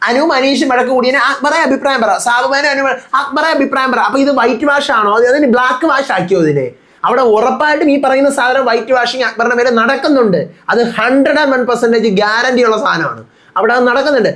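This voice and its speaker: A man's voice: extremely high pitch, a bit bright. A man with a Malayali accent, hosting a reality show review channel and giving insistent live-update commentary while retelling what contestants said. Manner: rapid, insistent, retells quotes.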